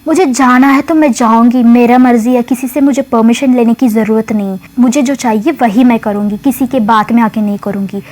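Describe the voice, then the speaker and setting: A woman storyteller puts on a teasing, headstrong young woman with a high, light voice. Her retorts come quick and defiant, in the manner of a spoken love story. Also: steady tone, darkish tone, natural voice.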